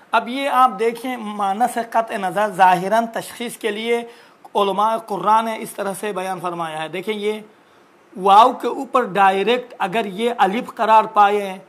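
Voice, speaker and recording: A man with a high-pitched voice gives a religious lesson on reciting scripture. He explains each point patiently and repeats examples. He draws out sounds slowly to show how they should be pronounced. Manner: drawn-out demonstration of syllables and words. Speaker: Quran recitation teacher.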